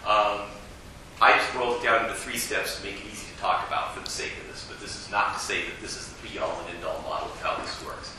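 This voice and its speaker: A man giving a casual, joking classroom lecture at a fast clip, recorded in a lecture hall. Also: fairly low pitch, steady tone, noisy background. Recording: echoey hall, distant mic.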